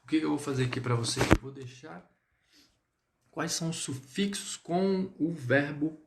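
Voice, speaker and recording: A man's voice: a little high, moderate pace, creaky, echoey room. A Brazilian man teaching French in a live online lesson. He explains patiently and keeps checking in with his viewers. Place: indoor room, livestream.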